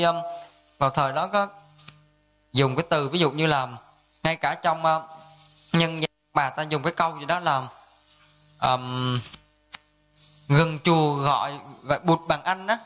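A man's voice: fairly high pitch, moderate pace, pauses often, fairly bright tone. A Buddhist monk teaching a dharma lesson in a conversational way, often asking his listeners to confirm. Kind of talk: dharma class lecture. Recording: dull lo-fi sound.

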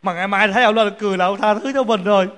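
A man's voice: high-pitched, racing, a bit bright. A man, a Buddhist monk giving a casual dharma talk, telling stories with laughter and playful acted asides.

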